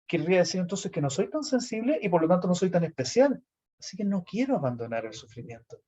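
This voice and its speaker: In a dull, lo-fi recording, a Chilean-accented teacher explains personality types with a husky, darkish, mid-range voice. His lecture meanders, with phrases repeated and begun again.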